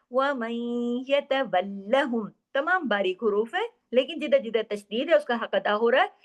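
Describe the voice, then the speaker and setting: A woman teaching Quran recitation rules, explaining patiently, asking and answering her own questions, and stretching words slowly to demonstrate. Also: on the high side. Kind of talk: tajweed lesson with slow demonstrations.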